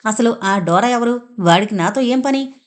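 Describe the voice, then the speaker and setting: A woman's voice: on the high side, moderate pace, close to an everyday voice. A woman voicing a frightened, angry young husband in an audio novel, talking in an agitated, demanding way.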